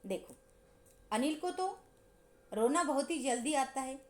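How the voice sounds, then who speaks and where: A woman's voice: high voice, lively intonation, a little slow, roomy sound. A woman teacher explaining a story lesson to her pupils, asking them questions and repeating key points. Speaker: school teacher.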